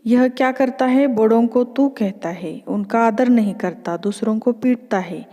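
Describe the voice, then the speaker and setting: A woman's voice: fairly high pitch, measured pace, dark tone, long reverb tail. A woman voicing a sleep fairy who complains about a boy. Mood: complaining.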